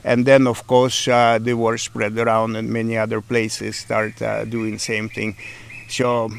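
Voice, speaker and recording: A man's voice: lowish voice, monotone, unhurried, gravelly, clear, resonant tone. A middle-aged man with a Ukrainian accent, answering interview questions in a casual, hesitant way with many fillers and broken grammar. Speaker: interviewee, café owner.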